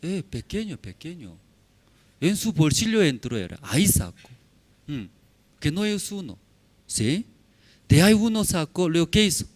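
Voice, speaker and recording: A man preaches a sermon in church, his voice pitched a little high and swinging widely as he tells a story. He speaks slowly in short, simple phrases, constantly asking the congregation questions. The sound is dry and close. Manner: animated storytelling, frequent rhetorical questions to the congregation; non-native Spanish with simplified grammar. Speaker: pastor.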